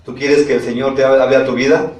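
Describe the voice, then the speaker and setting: A man's voice: medium pitch, little pitch movement, fast, a little mellow. A male pastor preaching a sermon, reading scripture aloud and often checking in with his congregation. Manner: reads scripture aloud and asks the congregation questions. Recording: echoey room, from a distance.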